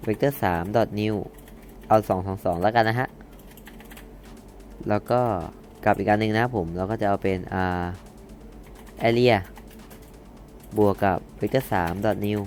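A man's voice: on the low side, steady tone, slow, pauses often, a little mellow, soft background music. A young man hosting a casual coding lesson, thinking aloud as he types and reading code out word by word, correcting himself as he goes. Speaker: coding tutorial host.

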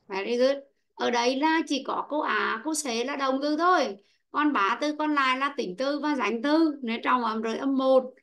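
A woman's voice: high voice, a bit bright. A woman teaching an online English lesson, patiently calling on pupils by name and explaining word stress. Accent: Vietnamese.

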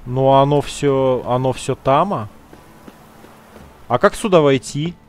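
A man giving casual gameplay commentary, talking in slang to his viewers and muttering his thoughts as he plays. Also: mid-range voice. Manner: slangy, talks to viewers as "guys"; muttering to himself, drawn-out musing. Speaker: let's play gamer.

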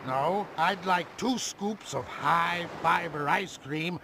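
A man's voice: on the high side, very noisy. A man voicing a forgetful, bumbling elderly male superhero in a game. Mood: doddering. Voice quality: gravelly. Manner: slow, doddering, with sudden heroic shouts. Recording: loud game music behind.

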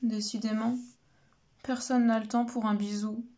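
A woman's voice: on the high side, little pitch movement, a little slow, lightly acted. Woman voicing a sad little turtle. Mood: plaintive. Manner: plaintive, soft. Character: sad lonely turtle wanting a kiss.

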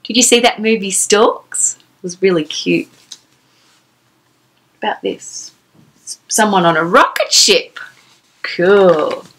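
Taking it slowly and pausing often, a woman in her thirties reads a story aloud for children in a mid-range, slightly bright voice. Her delivery is sing-song and exclamatory, with questions for the young listener, and she's in a small decorated room indoors.

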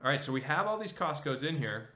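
A man in his thirties teaching accounting software on a screen share, casual and explanatory, often checking in with "okay?". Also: fairly high pitch, sing-song, fast talker. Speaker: accounting instructor.

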